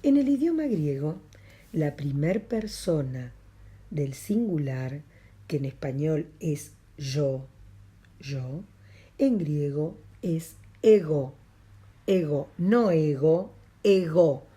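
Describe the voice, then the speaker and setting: A woman's voice: deep voice, animated, takes it slowly, dark tone, breathy edge. A middle-aged woman with an Argentine Spanish accent, a language teacher patiently repeating phrases in a recorded lesson.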